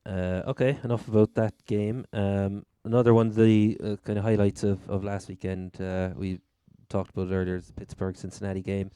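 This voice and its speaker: A man's voice: on the low side, flat delivery, fairly quick, hardly any pauses, mellow, clear, resonant tone, dry recording. A man with a Cork Irish accent co-hosting a casual sports chat in a blunt way. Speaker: sports podcast co-host. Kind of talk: casual American football chat.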